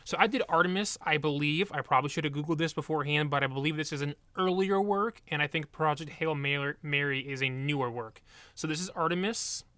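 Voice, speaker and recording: A man on a book podcast sums up a novel's plot in a relaxed, self-correcting way. His voice is bright, clear and a little high-pitched, recorded close with no room sound. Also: brisk, dry recording. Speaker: podcast co-host. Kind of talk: casual book review chat.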